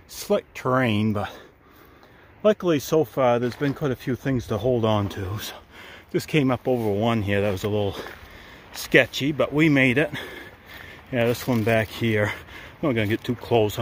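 An older man with a mid-range voice vlogs as a thru-hiker while climbing a wet mountain trail, holding a handheld camera at arm's length. His talk is a casual trail vlog, laid-back and wry, and he chuckles to himself along the way. The recording is rough, with a little hiss or hum.

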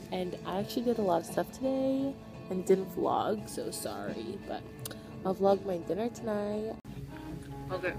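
Young female vlogger, unhurried delivery, lowish pitch, casual chat with a little music behind. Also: low-quality recording.

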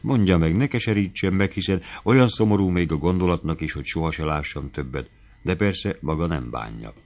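A young gentleman suitor murmurs soft, coaxing pleas, as a male narrator reads him. The voice is low and deep, and he wheedles gently rather than pushing. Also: expressive, lo-fi sound, exaggerated voice. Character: young gentleman hunter, smooth-talking suitor.

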